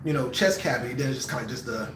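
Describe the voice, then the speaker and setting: A man's voice: mid-range voice, expressive, racing, fairly bright tone, distant mic, a little hiss or hum. A man in casual chat who explains fitness topics at length, leaning on fillers like "kinda.". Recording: echoey room, voice set back from the mic.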